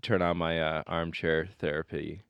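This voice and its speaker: A man with a low, smooth, clear voice trades jokes with his co-host in an easy, casual chat. He is playfully blunt, and his voice sounds close and dry into a studio microphone. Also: level tone, normal speed, fairly bright tone, dry recording. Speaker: podcast co-host.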